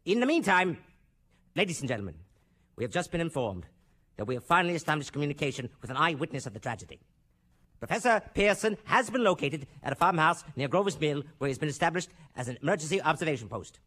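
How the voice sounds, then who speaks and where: An actor playing a grave, formal American radio newsman in a 1930s old newsreel manner, with urgent, measured phrasing. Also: on the high side, sing-song, a bit bright. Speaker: radio news announcer.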